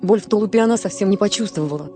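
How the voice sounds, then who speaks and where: A woman narrating a story in a steady, even manner, as in an audiobook. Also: mid-range voice, very fast, soft background music.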